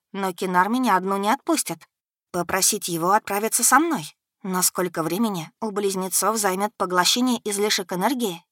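A woman reading a novel aloud in a smooth, steady first-person narration on a close mic. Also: medium pitch, no echo. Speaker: audiobook narrator.

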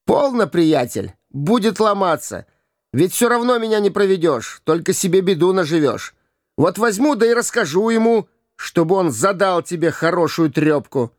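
Man doing Hugo, a sly high-voiced beggar boy. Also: animated, moderate pace, no room sound, studio quality. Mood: mocking. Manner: wheedling, jeering, pleading when begging. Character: sly mocking vagabond boy, cunning beggar.

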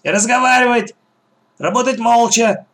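A man voicing a harsh, bossy old female bandit leader who barks commands in a shrill voice. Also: lively intonation, normal speed, fairly bright tone. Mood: barking.

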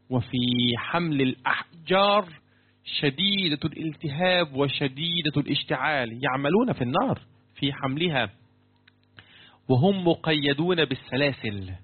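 A man teaching a lesson on Quran commentary, constantly quizzing his students with repeated questions and half-finished sentences for them to complete. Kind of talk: interactive classroom lesson. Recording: tinny phone-like low-fidelity sound.

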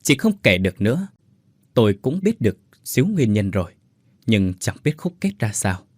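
A man's voice: lowish voice, big pitch swings, moderate pace, darkish tone, husky, dry recording, studio quality. A man narrating a scripted ghost story.

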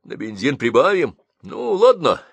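A man's voice: fairly high pitch, sing-song, measured pace, vocal fry, husky, dry recording, pitched above the performer's own voice, full character voice. A man voicing a pushy male bandit boss who haggles urgently.

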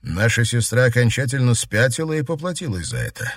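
An earnest middle-aged uncle speaks with heartfelt weight, voiced by a male reader in an audiobook. The tone is husky and lively, recorded close and dry. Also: mid-range voice, brisk, dry recording, pitched above the performer's own voice.

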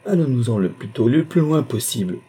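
A man's voice: medium pitch, expressive, a little fast, mellow, breathy edge, pitched above the performer's own voice. A man voicing a pale, fragile young woman who speaks faintly and pleadingly in a storybook reading.

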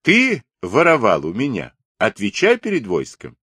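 A man reading the part of a quick-tempered Cossack ataman who barks orders and accusations. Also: on the low side, very animated, husky, no room sound, studio quality, pitched above the performer's own voice, heavily acted. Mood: angry, commanding. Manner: shouting orders.

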